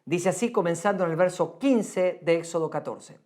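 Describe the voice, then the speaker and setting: A woman's voice: fairly low pitch, normal speed, darkish tone. A woman preaching a sermon, earnest and repetitive, asking rhetorical questions of the congregation.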